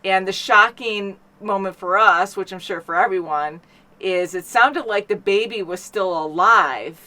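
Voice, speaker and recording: A woman's voice: medium pitch, unhurried, bright, forceful tone. Chatty woman reviewing a film. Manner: chatty, rambling with many fillers. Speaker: movie reaction host. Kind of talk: casual chat.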